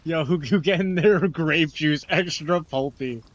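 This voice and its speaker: A man's voice: on the high side, measured pace, highs cut off, a crowd in the background. A man streaming a game, joking around in a laid-back way and swearing casually. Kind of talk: casual chat while playing a game.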